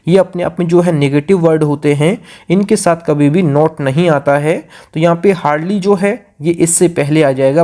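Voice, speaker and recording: A man with an Indian accent teaching an exam grammar lesson, repeating each rule step by step and reading example sentences slowly. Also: a little high, dark tone. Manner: repetitive, drills rules step by step.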